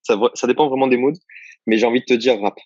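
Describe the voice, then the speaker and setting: A young man from southern France, speaking at medium pitch and a fast pace with a slightly mellow voice, is a guest in a casual interview about his work as a copywriter. His answers ramble loosely with many fillers and restarts, and the recording has no echo but its highs are cut off.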